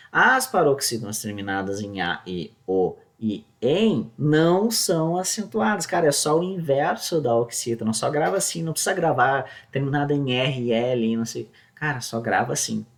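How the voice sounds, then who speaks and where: Lively man teaching a lesson. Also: mid-range voice. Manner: casual explaining, checks in with "tá?" often. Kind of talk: exam-prep grammar lesson.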